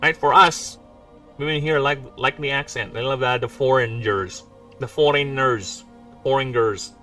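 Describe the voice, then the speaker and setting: A man's voice: medium pitch, fairly even intonation, moderate pace, pushed and bright. A man in his forties from the Philippines with a mixed English accent, rambling and joking on a casual livestream. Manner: joking, rambling, self-mocking asides. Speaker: indie game developer streaming. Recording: distant mic with faint music. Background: faint background music.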